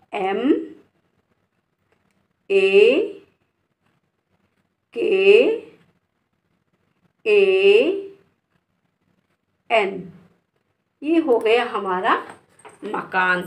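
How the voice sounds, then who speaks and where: A woman's voice: mid-range voice, animated, extremely slow, long pauses. A woman from India teaching a beginner spelling lesson, spelling words out letter by letter and calling her learners "beta".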